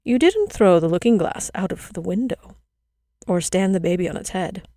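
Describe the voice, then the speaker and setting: Woman doing a smug creepy village girl from an old story, low mellow voice, super dry. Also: big pitch swings, moderate pace, dry recording. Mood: superior. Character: strange sly village girl, teasing and cool.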